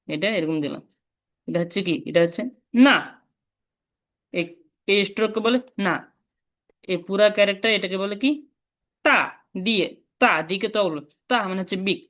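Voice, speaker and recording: A woman with a Bangladeshi Bengali accent giving a casual spoken lesson, explaining step by step and repeating syllables slowly. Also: medium pitch, a bit bright. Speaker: Chinese language teacher.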